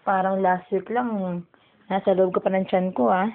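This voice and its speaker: A woman's voice: mid-range voice, steady tone, moderate pace. A woman with a Filipino accent, a new mother chatting casually and cooing and teasing as she talks to her baby. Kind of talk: casual home chat. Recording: dull lo-fi home audio, faint noise.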